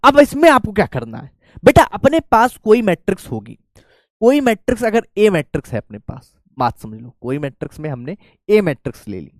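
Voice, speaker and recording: A male maths teacher explains step by step in a coaxing tone and keeps checking that his class follows. His pitch rises and falls in a lively way. The recording is close and dry. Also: fairly quick, dry recording. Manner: coaxing, keeps checking students follow, calls them "beta". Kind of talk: online maths lesson.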